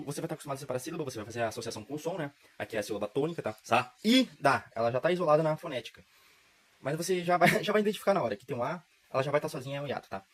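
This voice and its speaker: A man explains a grammar point in a relaxed, chatty way. His voice is slightly husky, and he talks quickly. He keeps checking that the listener is following along. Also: mid-range voice, low-quality recording. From southern Brazil. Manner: informal, chatty, frequent "tá?" checks. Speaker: teacher. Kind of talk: casual grammar lesson.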